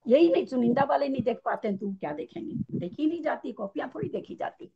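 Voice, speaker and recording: A woman's voice: high voice, lively intonation, quick pace, vocal fry, highs cut off. A woman teaching a scripture class in a casual, chatty way. She often restarts her sentences and explains with homely everyday examples.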